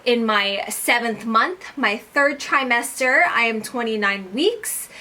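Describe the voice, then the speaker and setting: Woman vlogger, casual to-camera chat, slightly breathless, crisp bright tone, rambling with fillers. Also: a little high, lively intonation, slow pace. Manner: chatty, lots of fillers and restarts. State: short of breath.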